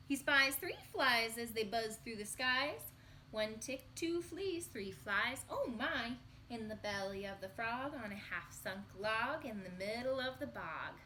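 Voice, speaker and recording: With an expressive, sing-song storytelling style, a woman reads a picture book aloud to young children. Her voice is on the high side and unhurried, and there's slight background noise.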